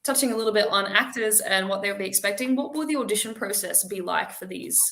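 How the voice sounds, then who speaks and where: Bright-voiced woman host over background noise. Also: mid-range voice, fast. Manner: encouraging, promotional. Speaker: interviewer and host. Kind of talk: upbeat hosted interview.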